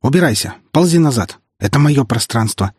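Cowardly, moody teen boy, read by a male narrator, husky voice, dry audiobook recording. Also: medium pitch, expressive, moderate pace, darkish tone, dry recording, voice pushed up. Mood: angry. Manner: snapping, then whining.

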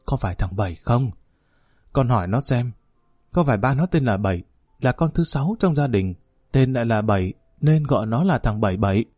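A dying old police chief recalls his war days in a warm, fatherly way, as a narrator puts him on. His voice is dark and husky, and he never leaves the calm pace of the storybook read. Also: medium pitch, brisk, no echo, studio quality, soft background music. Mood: reminiscing. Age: older.

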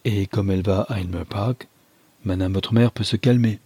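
A blunt, hot-headed young countryman, voiced by a male reader, curt and quick to threaten. The voice is husky and dark, recorded dry and close. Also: lowish voice, steady tone, no echo. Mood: angry, blunt. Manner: curt and angry.

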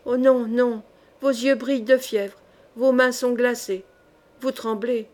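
A woman's voice: on the high side, steady tone, slow. Woman voicing a timid pale young woman. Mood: pleading. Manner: soft, slightly trembling.

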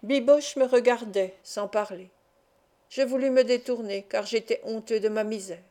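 Femme lisant un roman, voix douce. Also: female voice, fairly high pitch, moderate pace, warm tone. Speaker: audiobook reader. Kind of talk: literary audiobook narration.

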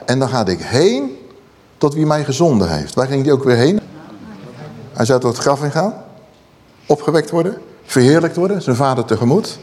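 A man preaching a sermon, animated and asking his listeners questions. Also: mid-range voice, normal speed, long pauses. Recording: long hall reverb.

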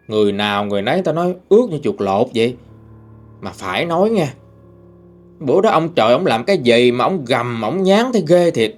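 A man with a Southern Vietnamese accent telling a ghost story in a folksy, lively way, voicing the people in it. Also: mid-range voice. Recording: faint music behind.

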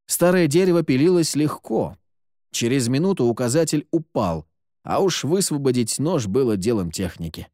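Мужчина-рассказчик читает аудиокнигу: голос среднего тембра, интонация живая и подвижная, запись сухая, без эха комнаты. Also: male voice, medium pitch, normal speed, dry recording, studio quality. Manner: expressive reading with lively intonation. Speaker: narrator. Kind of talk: audiobook storytelling.

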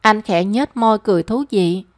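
A woman calmly narrating a story. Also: medium pitch, normal speed, dry recording, clean studio sound.

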